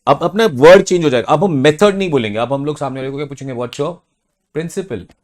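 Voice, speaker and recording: A man's voice: fairly high pitch, animated, very fast, darkish tone. A man giving a classroom accounting lecture, stressing key terms and often checking that students follow. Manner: emphatic, mixing Hindi and English, checks understanding often.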